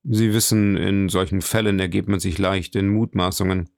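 Audiobook: male reader as a solemn nobleman, low and gravelly. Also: flat delivery, no room sound, studio quality. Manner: measured and solemn. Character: mysterious noble count, grave and composed.

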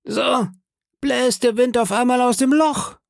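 A man's voice: very high voice, a little slow, gravelly, no echo, clean studio sound, pitched above the performer's own voice, heavily acted. A man voicing a cunning older male pirate leader who talks in a scornful, threatening way, in a storybook reading. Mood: mocking.

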